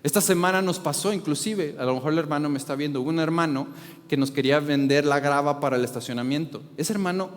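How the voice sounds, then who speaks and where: A man preaching a sermon as pastor, impassioned and rising to shouts when he pleads, with frequent rhetorical questions to the congregation. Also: on the high side, fast. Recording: reverberant hall with faint music.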